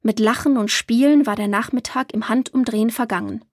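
A woman reading a children's story aloud in a lively storytelling manner. Her voice is fairly high and a little breathy, and the recording is dry and close. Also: fairly quick, no room sound. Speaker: narrator.

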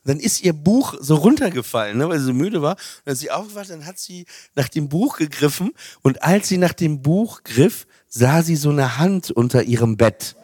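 A man from the Emsland region of northern Germany, chatting casually and telling lively anecdotes on a podcast. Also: a little high, moderate pace, few pauses, husky. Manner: lively anecdotal storyteller, lots of fillers. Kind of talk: casual chat, storytelling.

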